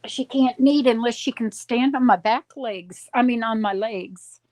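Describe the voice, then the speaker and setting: A woman's voice: a little high, a little slow, darkish tone, a little hiss or hum. Chatty woman in her sixties. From Wisconsin. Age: 60s. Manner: chatty, rambling, self-correcting. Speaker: livestream crafter. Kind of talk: casual chat. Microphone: live stream.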